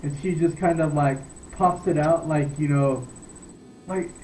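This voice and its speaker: A man's voice: fairly high pitch, fairly even intonation, unhurried, darkish tone, recorded from a distance, a little hiss or hum, poor audio. A man narrating as game master, hesitant and filling his lines with "kind of" and "like".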